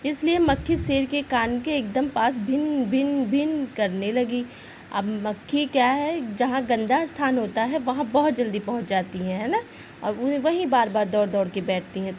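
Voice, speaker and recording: A woman's voice: fairly high pitch, darkish tone, slight background noise, poor audio. A woman teacher reading a children's story aloud and explaining it word by word, often checking in with her young listeners. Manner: explains words simply, checks in with "ठीक है?".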